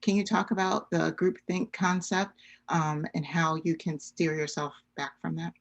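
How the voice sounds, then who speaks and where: A woman's voice: fairly low pitch, flat delivery, a little slow, vocal fry, dull audio. A woman hosting a podcast, asking questions in a friendly, affirming way. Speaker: podcast host. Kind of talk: podcast interview.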